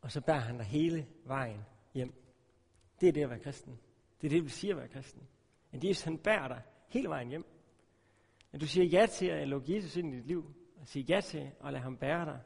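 A man's voice: on the high side, gravelly, a little mellow, husky. Man preaching casually in an echoing hall. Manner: casual, joking preaching with many fillers. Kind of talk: informal sermon with a personal story. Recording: long reverb of a large hall.

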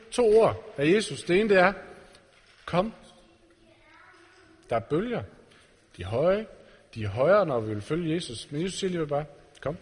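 A man's voice: fairly high pitch, breathy edge. A man giving a sermon to a congregation in an earnest way, putting direct questions to his listeners. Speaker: preacher. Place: church hall. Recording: reverberant church hall.

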